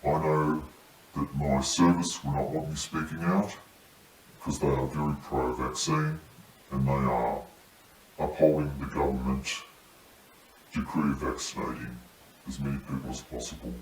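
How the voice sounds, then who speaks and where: A man giving serious testimony as a paramedic whistleblower in measured, halting phrases, his voice electronically disguised to sound deep. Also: flat delivery. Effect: disguised deep voice, electronically lowered. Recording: roomy echo, distant mic, faint noise.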